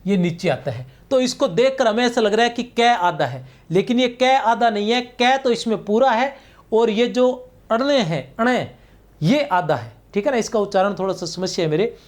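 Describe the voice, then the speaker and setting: A man with a high, animated voice teaches an exam-prep grammar class at a moderate pace. He explains patiently and repetitively, draws out key words as he writes on the board, and often checks in with "theek hai na."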